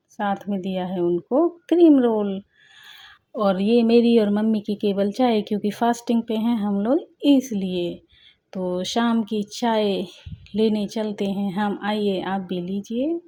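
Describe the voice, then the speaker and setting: A woman's voice: medium pitch, dark tone. A middle-aged woman narrating her home vlog in a chatty, playful way, joking with viewers as she goes. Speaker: vlogger.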